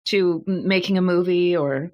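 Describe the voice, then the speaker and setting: A woman interviewing a guest in a conversational way, asking questions and softly following up. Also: on the low side, normal speed, lo-fi sound.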